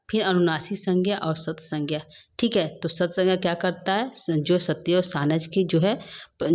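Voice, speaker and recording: A woman with a fairly low voice teaches Sanskrit grammar in an online class. She explains each point step by step and keeps asking questions that she answers herself. Her carries through the lesson.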